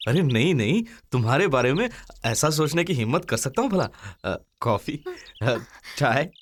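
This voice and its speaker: A man's voice: mid-range voice, lively intonation, normal speed, close to an everyday voice. A man dubbing a cheeky young man who playfully teases his sweetheart, laughing as he talks, in a Hindi film dub. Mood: teasing. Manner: playful, teasing, laughing often. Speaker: male lead of a dubbed film.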